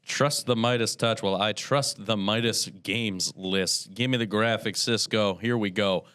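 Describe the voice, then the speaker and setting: A man hosting a local sports show, brisk and upbeat as he runs through the game schedule. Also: on the low side, steady tone, a bit bright, clear, resonant tone.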